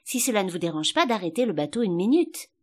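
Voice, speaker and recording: A woman's voice: medium pitch, big pitch swings, fast talker. A woman voicing a polite, curious little girl who talks eagerly and a little plaintively.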